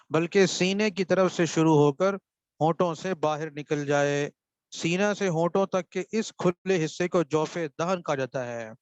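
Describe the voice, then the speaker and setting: A patient man teaching Quran recitation, speaking Urdu with a Pakistani accent and a fairly high voice. He goes through questions and answers, repeating each one and checking that the students have understood. The sound is dull and dry, like audio from an online class. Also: dry recording. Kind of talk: online lesson, reading out questions and explaining.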